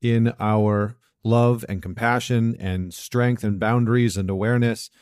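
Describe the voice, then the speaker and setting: A man with a mid-range, darkish voice hosts a solo talk show, recorded clean in a studio with no room sound. He's a podcast host and men's coach, reflective and earnest, full of fillers and restarts as he chats casually and reads a passage aloud.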